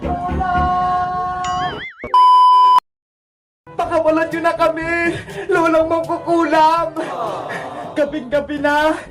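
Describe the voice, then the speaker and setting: A woman's voice: very high voice, level tone, slow, long pauses, over loud music. A woman voicing a frightened little girl who pleads politely to be let go. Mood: pleading. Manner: pleading, scared.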